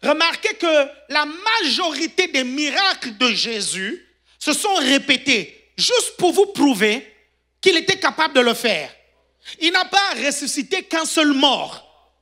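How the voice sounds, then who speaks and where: Bright-voiced man preaching a sermon. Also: extremely high pitch. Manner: keeps asking the congregation if they follow; animated, jokes, sudden shouts. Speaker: pastor.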